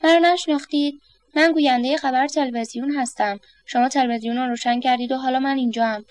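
Storybook: poised, deadpan lady newsreader, voiced by a woman, high and dry. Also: dry recording, natural voice. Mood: nonchalant. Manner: cool and unemotional. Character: calm, poised female TV newsreader.

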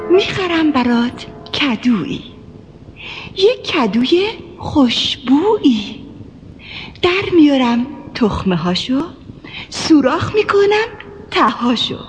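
A woman's voice: high voice, darkish tone, long reverb tail. A woman voicing a clever young daughter who reassures her mother in rhyme, in a children's audio story. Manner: rhyming, reassuring, lilting.

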